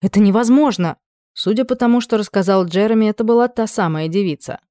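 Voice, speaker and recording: A woman narrating a romantic fantasy novel in a calm, measured way. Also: mid-range voice, no room sound, studio quality. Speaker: audiobook narrator. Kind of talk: scripted narration.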